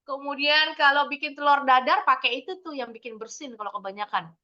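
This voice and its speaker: A young Indonesian woman teaching English to children in a video call, explaining with lively, sing-song questions. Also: sits high, brisk, crowd noise. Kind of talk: online kids' English lesson. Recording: dull lo-fi video call audio.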